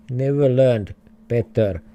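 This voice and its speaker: In a medium-pitched, darkish voice, a man with a Finnish accent streams a geography game. He thinks aloud in hesitant English and chuckles often, keeping the commentary casual.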